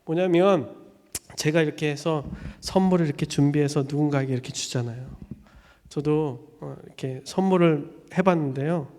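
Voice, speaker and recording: A man gives a Sunday sermon as pastor, talking casually with plenty of fillers. He acts out quick exchanges with lively energy in a high voice. His words ring out with a long reverb in a church sanctuary. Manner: animated storytelling, acting out little dialogues; casual conversational preaching with many fillers.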